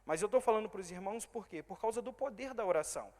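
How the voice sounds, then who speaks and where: A man in his thirties with a Brazilian accent from Rio de Janeiro state, preaching a testimony sermon and acting out the people he quotes, voice loud one moment and hushed the next. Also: sits high, lively intonation, quick pace. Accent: Brazilian Portuguese, Rio de Janeiro state. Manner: storytelling, quoting others in swings of loud and soft. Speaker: church worker preaching. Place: church hall. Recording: reverberant church hall.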